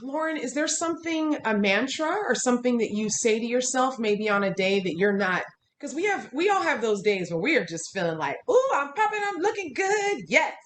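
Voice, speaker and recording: A woman hosting a casual interview, a coach by trade, with a voice sitting a little high. She talks reflectively and encourages her guest with long, open questions. The sound is echoey with a faint hiss underneath. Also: lively intonation, a little fast. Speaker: interview host and fitness coach. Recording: echoey room with faint background noise.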